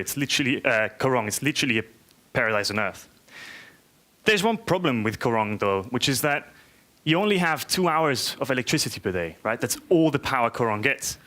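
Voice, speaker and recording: A software developer from Austria gives a live tech conference talk to an audience in a conference room, keeping it informal, chatty, and joking. He often checks in with "right?". His mid-range voice sounds pushed and bright.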